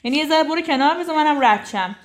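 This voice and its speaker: A woman teaching a casual language lesson. She says each phrase slowly, then explains it quickly and chattily. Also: high-pitched, lively intonation.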